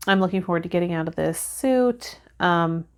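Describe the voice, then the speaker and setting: Speaking at normal speed in a lowish, clear, resonant voice, a woman in her thirties hosts a tarot video from a small indoor home set with a fabric backdrop. Her talk to camera is casual, reflective and unhurried, vlog-like, and partly consists of reading card meanings aloud.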